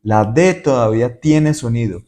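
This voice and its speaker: A man's voice: medium pitch, moderate pace, dark tone. A man teaching English in Spanish, explaining patiently and repeating example words to demonstrate pronunciation. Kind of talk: Spanish-language English lesson.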